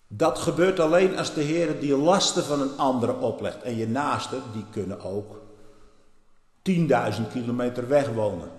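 A man preaching a church sermon, stressing key phrases by repeating them and swelling to loud exhortations before dropping low again. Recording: echoey church hall with long reverb.

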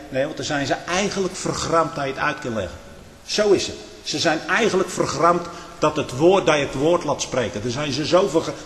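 A man preaching a fiery sermon, denouncing his opponents and building to near-shouting. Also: fairly high pitch. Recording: echoey hall with long reverb.

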